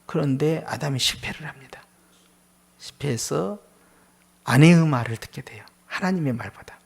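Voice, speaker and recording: Gravelly, husky high-voiced preacher man. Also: animated, normal speed. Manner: preaches with rhetorical questions, prodding listeners with "eh?"; drops into a hushed near-whisper on key words. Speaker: pastor. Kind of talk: sermon at a Friday prayer meeting.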